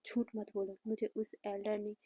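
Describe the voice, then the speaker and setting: A man's voice: high voice, monotone, moderate pace, dark tone, dry recording, studio quality. A woman voicing a protective, worried warrior. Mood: concerned.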